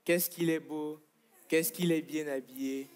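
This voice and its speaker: A man's voice: fairly high pitch, fairly even intonation, measured pace. A man from Congo performing stand-up comedy on a stage, with a playful, boastful delivery. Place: comedy stage with live audience.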